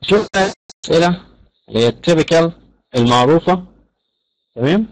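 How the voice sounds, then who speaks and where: A man's voice: fairly high pitch, animated, fairly quick, no room sound, low-quality recording. A man with an Egyptian Arabic accent giving an online English lecture, repeating example questions aloud in English. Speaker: English teacher.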